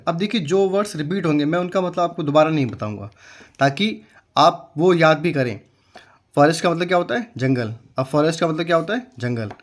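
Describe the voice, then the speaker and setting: A young man leads a slow, patient reading lesson, spelling each English word letter by letter before saying it. He repeats words often and checks in with a steady "okay". His voice sits a little high for a man. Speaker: English teacher.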